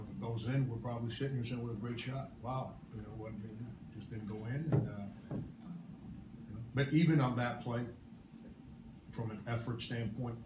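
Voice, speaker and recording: Blunt middle-aged coach in echoey press room. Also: male voice, lowish voice. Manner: blunt, emphatic self-critique. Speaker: head basketball coach. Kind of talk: post-game press conference. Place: press room, seated at a table. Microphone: table microphone. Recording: echoey room, distant mic, noisy.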